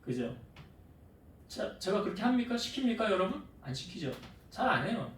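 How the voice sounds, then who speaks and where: A man preaching in a church, his voice high and swinging up and down a lot as he talks easily with the congregation and keeps asking them questions. He is heard from some distance in a strongly echoing sanctuary. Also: big pitch swings, moderate pace. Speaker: pastor. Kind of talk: sermon.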